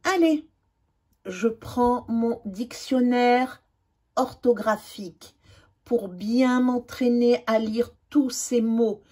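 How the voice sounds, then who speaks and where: A woman's voice: fairly high pitch, slow pace, darkish tone. A woman teaching a children's spelling lesson, spelling out letters and drawing words out carefully.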